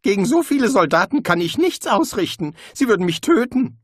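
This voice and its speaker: A man voicing a cowardly male wizard who talks high and frantic. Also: big pitch swings, fairly quick, slightly rough, no room sound, clean studio sound, full character voice. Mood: panicky.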